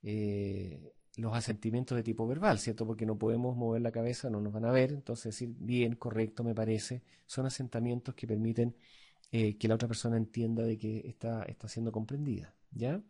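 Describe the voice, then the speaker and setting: A man with a Chilean accent delivers a recorded lecture, stopping and restarting with fillers and checking questions. His voice is mellow and slightly husky, at a middle pitch. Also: fairly even intonation. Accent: Chilean Spanish. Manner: halting, many fillers and tag questions. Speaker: instructor.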